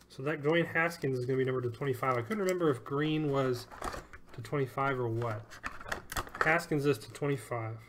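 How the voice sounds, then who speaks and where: A man's voice: medium pitch, a bit bright, slight background noise. A man hosting a live sports card break, upbeat and joking as he calls out each card and who it goes to.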